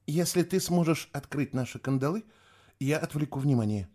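A male narrator voicing a frightened, stubborn young woman prisoner who cries out in a shrill, pleading way. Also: animated, moderate pace, darkish tone. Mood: determined. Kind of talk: audiobook character voice.

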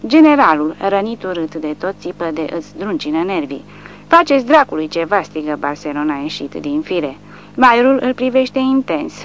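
A woman narrating an audiobook in a measured, dramatic reading, on a dull lo-fi recording with a faint hum. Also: lowish voice. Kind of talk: scripted narration.

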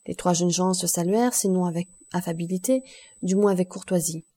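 A woman narrates a classic novel for an audiobook. Her reading is steady and measured. The tone is mellow and warm. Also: on the low side.

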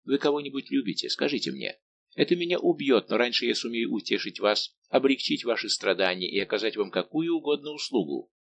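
A man's voice: mid-range voice, expressive, fairly quick, creaky, lo-fi sound, slight background noise. A man reading an audiobook, voicing a devoted young nobleman count who speaks with respectful firmness. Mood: earnest.

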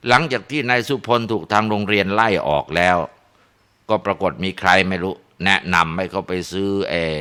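A man narrating a ghost story in a relaxed way, with frequent tag particles and filler sounds. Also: sits low, moderate pace, clean tone.

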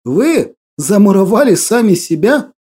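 A man voicing a gentle, earnest young man who patiently explains things. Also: high-pitched, very animated, unhurried, breathy edge, voice pushed up, exaggerated voice.

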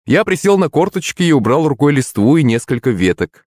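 A man's voice: fairly high pitch, sing-song, brisk, darkish tone, no echo, studio quality. A man narrating a fantasy audiobook in the first person.

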